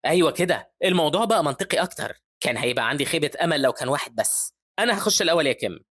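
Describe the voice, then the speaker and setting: A fierce young woman fighter, always eager for battle, speaking with an Egyptian accent, as a male narrator puts her on. The lines come out rapid and a touch higher and louder than the narration. The sound is dry and close. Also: animated, husky, dry recording. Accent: Egyptian Arabic.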